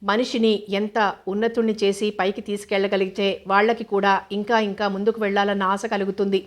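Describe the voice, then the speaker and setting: A woman voicing a lively, shy young bride who teases her husband, with little change from her narrating voice. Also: medium pitch, fairly quick, lightly acted. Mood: coy. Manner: coy and spirited.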